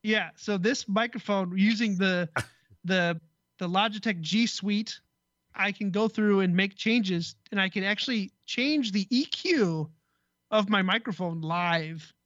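A man's voice: high-pitched, measured pace, a bit bright, no echo, dull audio. Easygoing man explaining gear on radio. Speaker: co-host, tech guest. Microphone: desk mic with headset.

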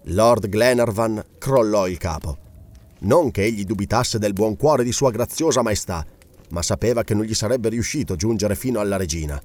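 A man narrating a classic novel as an audiobook, with expressive storytelling. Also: on the low side, moderate pace.

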